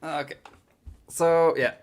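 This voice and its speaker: A young programmer livestreams his coding in a worn, tiring voice that is fairly high and fairly even, moving slowly. On this casual stream he mutters to himself and trails off between thoughts.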